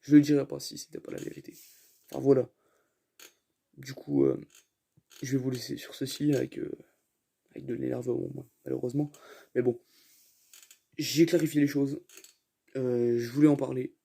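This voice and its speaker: A man's voice: medium pitch, expressive, normal speed, vocal fry, pauses often, dark tone, husky. A man ranting angrily to camera as a football fan, repeating himself and swearing. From France. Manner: repetitive, exasperated, swearing. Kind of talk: angry rant to camera.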